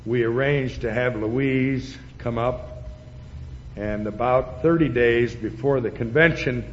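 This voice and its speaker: A man addresses a meeting informally as he introduces a guest speaker. His phrasing is halting and deliberate. The recording is dull and reverberant, with faint noise behind him. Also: mid-range voice. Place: large meeting hall. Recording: echoey hall, dull noisy old tape.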